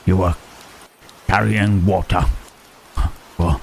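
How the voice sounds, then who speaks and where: A man voicing Frankenstein's monster as a lonely, gentle creature who stammers and speaks formally in an ASMR roleplay. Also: low-pitched, fairly even intonation, takes it slowly, vocal fry, a little hiss or hum, heavily acted, low-quality recording. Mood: tender, shy. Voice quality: hesitant, stammering, formal speech. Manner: soft questioning tags, huh, eh, hmm. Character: lonely, gentle male monster, shy and halting. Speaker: voice actor.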